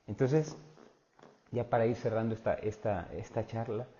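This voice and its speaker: An earnest middle-aged man speaks straight to the listener in a preachy, reflective talk. His voice sits low and mellow, and the recording sounds dull and lo-fi. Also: moderate pace, slight background noise. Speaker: parenting speaker, former preacher. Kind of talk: reflective monologue on parenting.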